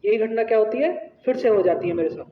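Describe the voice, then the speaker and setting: A male teacher telling a personal story to his class in an animated, conversational way. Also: high-pitched, quick pace. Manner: animated, conversational, asks "right?". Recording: echoey hall, tinny phone-like sound.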